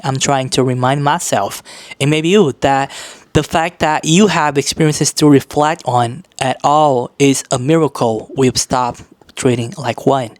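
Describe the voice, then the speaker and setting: A man from Brazil giving an earnest, reflective vlog monologue, slowing down on key phrases. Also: mid-range voice, no echo. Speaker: vlogger.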